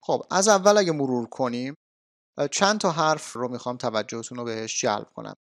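A man's voice: mid-range voice, dry recording, studio quality. Patient male language teacher. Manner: patient, repeats words slowly for drilling. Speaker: English teacher. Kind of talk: explaining a language lesson.

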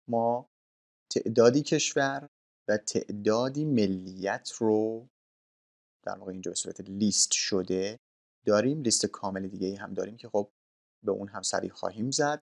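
Guy with a gravelly lowish voice explaining vocab slowly, lesson recording. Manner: slow, explanatory, formal Persian. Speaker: English teacher.

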